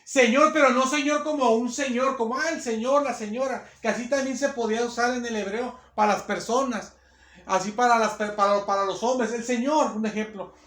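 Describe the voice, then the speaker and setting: A man's voice: very high voice, fairly even intonation, normal speed, a bit bright, roomy sound. A man preaching a sermon to a congregation of women, fervent and repetitive, often calling them sisters. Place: church hall.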